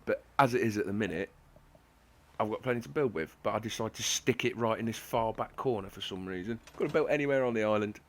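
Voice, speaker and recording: A man talks over game footage in a dry, self-deprecating ramble, his voice sitting on the low side. A slight lisp from a sore tooth shows in his speech. He sounds like a home gaming channel host. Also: fast. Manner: sarcastic, self-mocking, rambling. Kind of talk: gameplay commentary.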